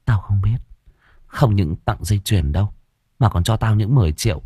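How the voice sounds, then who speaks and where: A man's voice: fairly low pitch, normal speed, slightly rough, dry recording, clean studio sound. A man reading the lines of a brash, blunt young woman in an audiobook. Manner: loud, blunt, crude talk.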